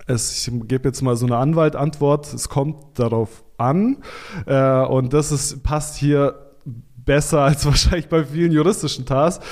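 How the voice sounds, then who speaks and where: Male podcast guest, mid-pitched, blunt and casual, lots of restarts and fillers. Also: fairly even intonation, normal speed, a little mellow. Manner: informal, blunt advice with frequent restarts and fillers. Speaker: podcast guest, Amazon seller consultant. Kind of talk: casual expert interview talk.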